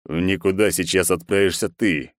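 A man's voice: low-pitched, steady tone, normal speed, no room sound, studio quality, close to an everyday voice. A man voicing a cold, ruthless emperor who speaks curtly and menacingly in an audiobook. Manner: menacing, curt, imperious.

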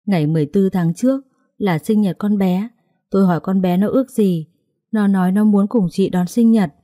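A woman's voice: mid-range voice, moderate pace, mellow, dry recording, clean studio sound, natural voice. A woman voicing a frightened young pregnant wife who pleads in a tearful, desperate way. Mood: pleading.

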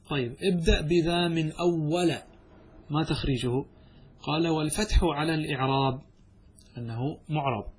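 A man teaching a classical Arabic grammar lesson, who explains by asking and answering his own questions and recites verses slowly. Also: a little high, slightly rough.

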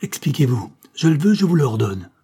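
A man reads a proud old marquis in a period novel, barking orders in rage and contempt. The voice is dark and husky, pushed louder and higher in his outbursts. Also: big pitch swings, normal speed. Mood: commanding. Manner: commanding, enraged. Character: old nobleman, proud and furious.

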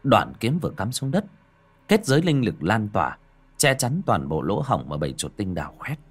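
Low-voiced, animated male storyteller. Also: normal speed, slightly rough. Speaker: audiobook narrator. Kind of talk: dramatic scripted horror-fantasy narration. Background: background music.

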